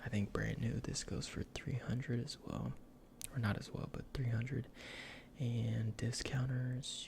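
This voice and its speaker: Man for whispered role-play, salesman part; hushed delivery, heavy vocal fry, casual explanatory patter. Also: mid-range voice. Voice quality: breathy whisper with gravelly creak. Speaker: ASMR performer playing a cologne salesman.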